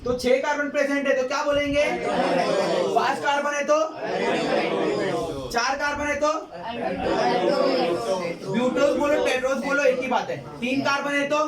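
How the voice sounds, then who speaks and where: High-voiced man quizzing a class. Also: flat delivery, moderate pace, long pauses. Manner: repetitive, quizzing students with questions. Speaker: chemistry teacher. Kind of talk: classroom lecture in Hindi. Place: classroom with students. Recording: echoey classroom, distant mic, student chatter. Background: students.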